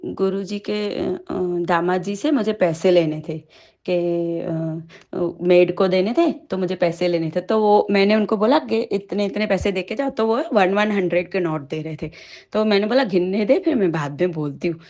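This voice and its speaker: A crying woman recounts her blessings as a devotional testimony, her voice carrying a gravelly edge. She talks in an emotional, heartfelt way and sinks into soft, halting prayer. The tone stays tearful throughout. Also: lowish voice, dull audio. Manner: tearful, softening into quiet prayer.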